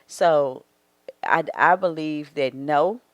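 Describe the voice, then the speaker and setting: A Southern woman in her 40s, a marriage coach, gives earnest advice on a casual faith-based podcast, acting out quoted thoughts. Her low voice moves slowly, captured on a dry close mic with no echo.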